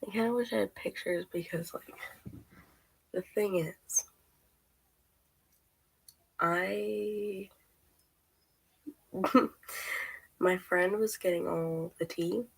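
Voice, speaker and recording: Casual female vlogger, monotone delivery, rambly and self-interrupting. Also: mid-range voice, very slow, gravelly, long pauses, slightly rough, rough recording. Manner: rambling, self-interrupting, laughs at own stumbles. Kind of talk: casual storytime, reading texts aloud.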